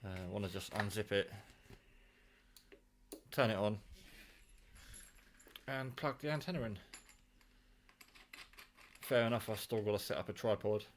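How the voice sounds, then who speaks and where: Speaking fairly low and measured, with long pauses, a man mutters offhandedly while working through a hands-on show-and-tell of his hobby gear. The handheld camera recording carries clear background noise and handling clicks.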